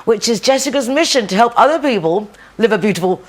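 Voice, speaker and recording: A woman's voice: fairly high pitch, expressive, fast. A woman hosting a television program in a studio, interviewing a guest in a chatty way and laughing easily. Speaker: TV program host.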